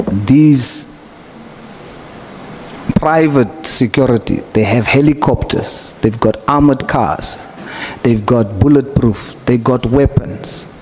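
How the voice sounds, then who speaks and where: A South African man formally questioning a witness at a hearing, in a deliberate, probing way. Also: medium pitch, darkish tone. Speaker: committee member questioning a witness. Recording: noisy hearing room ambience.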